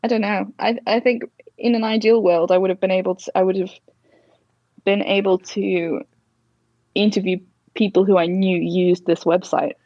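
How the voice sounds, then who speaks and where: A woman's voice: medium pitch, steady tone, moderate pace, dry recording. Young woman from Durham, posh English accent with northern short A's, reflective and conversational, close dry sound, a little muffled. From Durham, northern England. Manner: chatty, reflective. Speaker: interview guest, Oxford student. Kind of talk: casual conversation.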